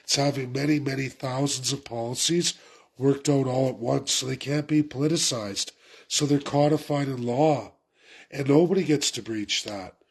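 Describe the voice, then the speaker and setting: With a gravelly, slightly rough voice at medium pitch, a male political commentator speaks at a moderate pace. He has a head cold and sounds congested as he pushes an impassioned, repetitive political rant at his viewers on camera.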